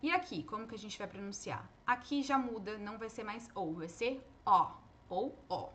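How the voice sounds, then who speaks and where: Woman teacher in a live online class, patient, spells out and repeats words slowly, faint noise behind her. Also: medium pitch, fairly bright tone. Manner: patient, explains slowly and models words aloud. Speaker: English teacher. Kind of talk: live online pronunciation lesson.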